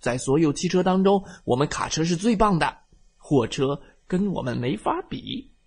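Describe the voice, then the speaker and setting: A man's voice: fairly high pitch, expressive, moderate pace, slightly rough, voice pushed up. A man voicing a proud little male truck, a competitive child, in a bedtime storybook, lifting his voice to boast.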